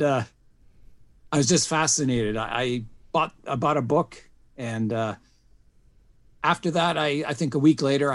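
A middle-aged man from Canada, a podcast guest telling his story in a relaxed way, often pausing with um and uh. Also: on the high side. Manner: relaxed storyteller with frequent ums. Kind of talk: casual interview.

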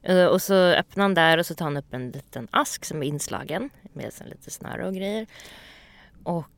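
A woman podcast host telling a personal story in casual chat, animated and acting out the dialogue. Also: fairly low pitch, creaky, dry recording. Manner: animated, acts out quoted dialogue.

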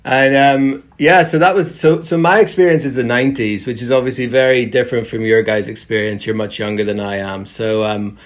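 A man in his thirties from Northern Ireland leading a casual podcast chat, relaxed and full of fillers. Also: medium pitch, a little fast, few pauses. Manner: relaxed, lots of fillers and hedges. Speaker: podcast conversation lead.

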